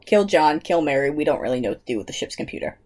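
A young woman co-hosting a casual podcast in a slightly low voice. She is chatty, laughs easily and reads out trivia in an eager, conversational way. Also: sing-song, rapid-fire, noisy background. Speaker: podcast co-host. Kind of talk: casual chat.

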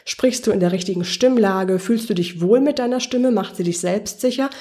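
A female voice coach talks one-to-one with her listener in a podcast lesson. She explains her points patiently and keeps asking guiding questions. Her pitch sits in the middle range for a woman. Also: normal speed, warm tone. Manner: encouraging, addresses the listener directly.

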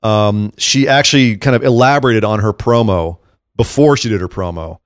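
A man co-hosting a podcast, talking in a casual, animated way about wrestling and laughing easily. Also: fairly low pitch, normal speed, no echo, studio quality. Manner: animated, excitable, breaks into laughs. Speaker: podcast co-host.

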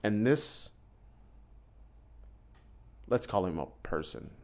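A man's voice: lowish voice, very animated, slow, darkish tone. A man who teaches English in China, telling a story in casual chat with a ranting, exasperated manner. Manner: exasperated storytelling rant, repeats himself.

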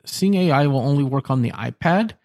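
A man answering tech questions as a panelist, in a measured, instructive, conversational way. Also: fairly high pitch, animated, a little mellow.

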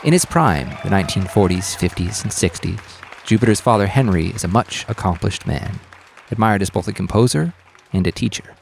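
Low gravelly male storyteller. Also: animated, fairly quick, some chatter behind, slight background noise. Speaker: podcast host and narrator. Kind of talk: scripted storytelling narration.

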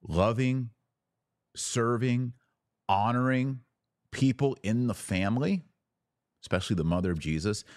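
A middle-aged podcast host gives an informal theological explainer, emphatic and didactic, pausing on key phrases. His voice sits low, and the clean studio recording has no echo.

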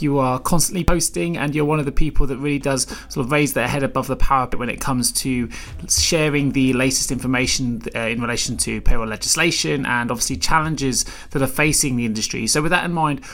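A man's voice: medium pitch, fairly even intonation, a little fast, a bit bright. A man with a cold hosting a podcast in a froggy, congested voice. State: has a head cold. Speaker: podcast host.

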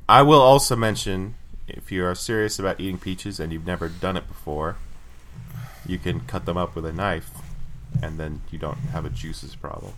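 A man trades dry jokes in a casual podcast conversation, delivering absurd claims with a straight face. His voice sits very low. Faint background noise runs under him. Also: normal speed. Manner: dry, jokey, deadpan exaggeration. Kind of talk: casual chat.

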